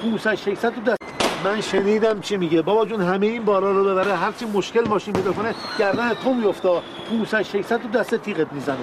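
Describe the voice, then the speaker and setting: A man playing a brisk high-voiced mediator. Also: lightly acted. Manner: brisk, placating, dictates slowly. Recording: outdoor street noise.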